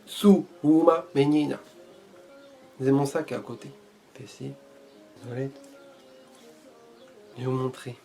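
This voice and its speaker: Speaking slowly with frequent pauses, this man has a medium-pitched, steady, mellow voice with some creak. He's vlogging casually about learning Portuguese, teasing and boasting in jest as he repeats phrases he's trying out, with faint music behind him.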